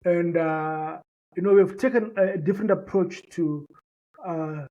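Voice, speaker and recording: Speaking at a measured pace, a high-voiced man with a warm tone comes through on dull audio. A founder from Zimbabwe whose mother tongue is Shona, he talks sincerely in an interview, making a conversational business pitch peppered with fillers and words said twice.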